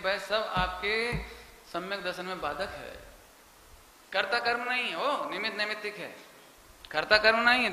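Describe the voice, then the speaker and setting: A man preaching a sermon with a high, piercing, forceful voice. He addresses his listeners directly and with emphasis. The sound carries a long hall reverb over faint background noise. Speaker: Jain preacher.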